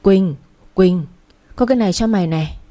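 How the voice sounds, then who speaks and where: A woman voicing a blunt, fiercely loyal young female friend who talks coarsely and fast. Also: mid-range voice, animated, dark tone, natural voice. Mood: urgent, worried.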